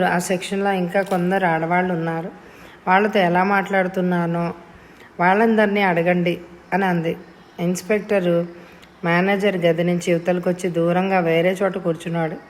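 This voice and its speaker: A woman narrating a novel in a steady, measured storytelling voice. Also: on the low side.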